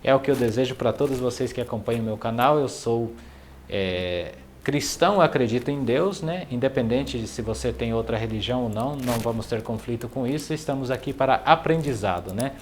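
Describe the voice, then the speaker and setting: A man hosting a casual online language lesson, in a mid-range voice. He says each phrase slowly and carefully and repeats it, then explains it in fast, friendly asides. He talks straight to his viewers. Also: mid-range voice, a little hiss or hum. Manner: friendly, addresses viewers directly. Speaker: language teacher.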